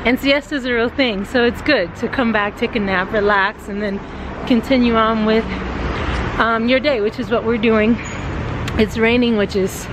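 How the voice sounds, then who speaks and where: A woman's voice: fairly high pitch, noisy background. Upbeat young woman vlogging outdoors. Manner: chatty and upbeat, laughs often. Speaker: travel vlogger. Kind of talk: casual travel vlog. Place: outdoors on rainy city streets and inside a hostel. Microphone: handheld camera at arm's length.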